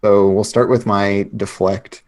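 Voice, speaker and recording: A man's voice: on the low side, flat delivery, unhurried, darkish tone. A man playing a tabletop game, casually improvising narration of his character's moves.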